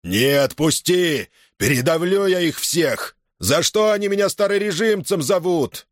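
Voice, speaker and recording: A man doing a gruff, strong village man. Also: a little high, lively intonation, a little slow, no room sound, studio quality, voice pushed up. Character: strong proud old-school village man.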